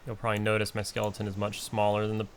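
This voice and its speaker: A man's voice: on the low side, monotone, racing, a little hiss or hum. A man giving casual, rambling commentary over his own gameplay, with many fillers and restarts. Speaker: gaming channel host.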